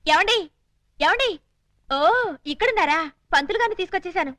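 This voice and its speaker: Brief: a very high, quick, bright melodramatic young woman, film comedy. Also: expressive, full character voice. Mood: cheerful. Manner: loud, pleading, melodramatic. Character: brash young woman chasing a reluctant groom.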